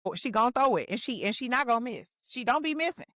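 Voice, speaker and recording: A woman's voice: on the high side, quick pace, no room sound, clean studio sound. A woman co-hosting a casual podcast, chatting playfully and animatedly, often breaking into quoted lines. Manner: animated, playful, bursts of laughter and rapped quotes. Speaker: podcast co-host. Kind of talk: casual chat.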